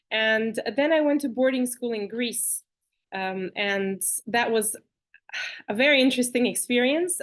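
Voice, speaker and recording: A woman from Bulgaria, a guest in an interview, talking in an animated, chatty way with fillers and restarts over a video call. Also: fairly high pitch. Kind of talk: conversational interview.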